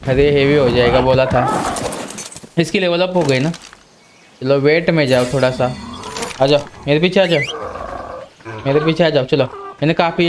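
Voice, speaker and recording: A man's voice: a little high, noisy background. A young man hosting a gaming channel, giving casual gameplay commentary and breaking into panicked yelps when attacked. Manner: excited, yelps in sudden panic.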